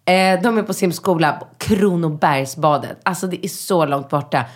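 A woman in her thirties telling a lively, profanity-laced story in casual chat, acting out the voices of the people in it. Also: fairly low pitch. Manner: animated anecdote telling, acting out quotes; swears often.

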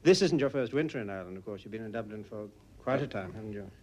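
A man's voice: lowish voice, expressive, fast talker, darkish tone, lo-fi sound. A man working as a reporter, chatting in casual interviews and prompting with short questions.

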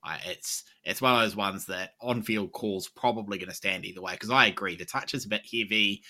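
A lowish man with a very bright, forceful tone on a football podcast. He reasons through each point in a measured way, hedging with "I think" again and again. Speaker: podcast co-host. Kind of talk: casual sports podcast chat.

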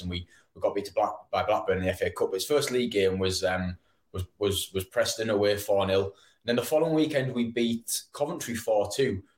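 A man with a Teesside accent chatting casually about football as a guest, hesitant and often repeating his words. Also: lowish voice. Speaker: podcast guest, football fan. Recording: roomy, echoing sound.

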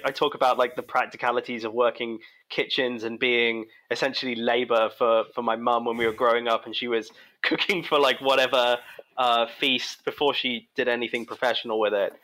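A man speaking as a guest cook, relaxed and chatty, chuckling as he talks. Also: medium pitch, poor audio. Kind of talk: casual interview chat.

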